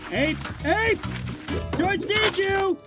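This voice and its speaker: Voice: extremely high pitch, very slow, exaggerated voice. An actor playing a friendly, dim-witted jungle man who talks earnestly in simple broken third person for a cartoon. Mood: baffled, alarmed. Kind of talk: cartoon voice acting. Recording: music behind.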